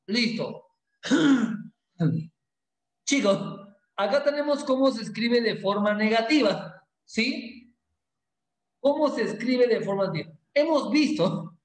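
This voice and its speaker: A male English teacher quizzes his students in a playful, animated way. His pitch moves a lot while his pace stays slow and deliberate. The room echoes around him. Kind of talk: classroom lesson.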